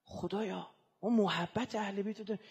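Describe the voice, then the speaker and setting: A man with a fairly high, husky voice preaches a religious sermon. He drops to hushed, grieving tones and then climbs into loud, fervent exhortation. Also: fairly even intonation. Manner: swings from hushed mournful lines to loud fervent outbursts. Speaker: religious speaker.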